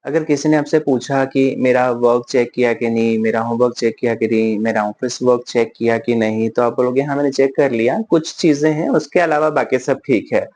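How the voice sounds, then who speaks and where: A man with an Indian accent giving a casual spoken-English lesson in Hindi. He slows right down to model English sentences and keeps checking in with his learners. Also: mid-range voice, fairly even intonation, a little mellow. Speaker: English vocabulary teacher.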